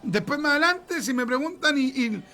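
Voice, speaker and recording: A man's voice: extremely high pitch, expressive, normal speed, sharp tone, faint music behind. A middle-aged man with a Chilean accent preaching a sermon, emphatic, repeating words for stress and acting out conversations. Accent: Chilean Spanish.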